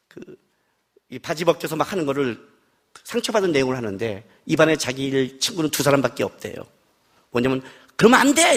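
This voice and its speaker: A middle-aged man preaching an expository sermon at a worship service, telling stories and acting out his wife's replies. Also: medium pitch. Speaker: pastor.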